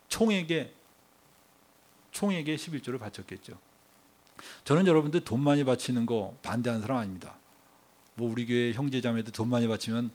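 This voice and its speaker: A male pastor preaching a sermon, firing rhetorical questions at the congregation and swinging between hushed and raised delivery. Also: medium pitch.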